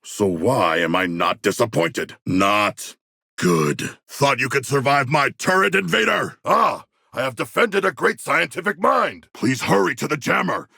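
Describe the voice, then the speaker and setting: A huge shark warrior from a video game, proud, earnest and hungry for battle. The voice is forceful and gravelly, with a raspy edge. He speaks in lofty, formal phrases, as if every remark were a noble proclamation. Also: mid-range voice, lively intonation, unhurried, no room sound, studio quality, heavily acted. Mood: urgent, grand. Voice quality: gravelly, rough. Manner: formal, grandiloquent, literal-minded diction. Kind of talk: video game character voice lines.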